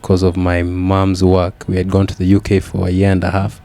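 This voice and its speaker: A young man with a Kenyan accent, a podcast guest reflecting candidly on his upbringing, often pausing with restarts and repeated yeahs. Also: deep voice, monotone, dark tone. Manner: reflective, with frequent "yeah" and restarts.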